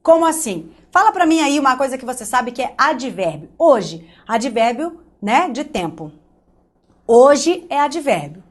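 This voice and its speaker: A woman from Brazil teaching an online grammar lesson, lively and joking, speaking straight to the student. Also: high-pitched, normal speed, few pauses.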